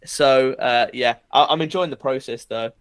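A man's voice: mid-range voice, moderate pace, a bit bright, no room sound. A man, a guest on a casual podcast, talking in a rambling, hesitant way. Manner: rambling, hesitant, many fillers and restarts. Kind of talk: casual chat.

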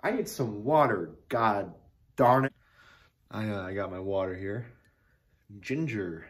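Excitable rambling man reviewing a soda. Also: fairly low pitch, a little slow, very noisy. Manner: rambling, excitable, many fillers and restarts. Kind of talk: casual product review to camera.

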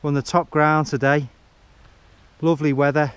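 A man's voice: on the high side, flat delivery, normal speed, clear, resonant tone, no room sound. A man casually narrating a camping trip outdoors, chatty and jokey, recorded on a camera mic. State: a little out of breath. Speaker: vlogger. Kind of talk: casual outdoor vlog chat. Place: outdoors at a campsite and on a hill walk.

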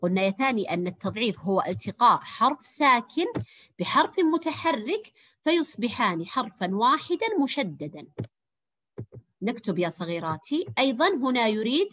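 A woman teaching a lesson to young girls, praising each answer and sounding out words slowly. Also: fairly high pitch, sing-song. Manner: warm praising teacher, drawn-out encouraging words. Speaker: primary school teacher. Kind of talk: online Arabic language lesson for young girls.

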